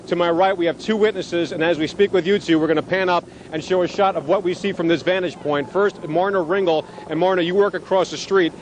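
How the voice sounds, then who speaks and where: A man's voice: high-pitched, steady tone, a little fast, hardly any pauses, rough recording. A man reporting live breaking news from the street as a field reporter, urgent and explanatory. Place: outdoors on a city street. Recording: outdoor street noise.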